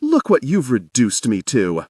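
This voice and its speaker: A man's voice: medium pitch, huge pitch swings, a little mellow, dry recording, clean studio sound. A man voicing a sarcastic golden retriever. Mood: exasperated. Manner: slow, exasperated, sarcastic. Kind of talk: audiobook character voice.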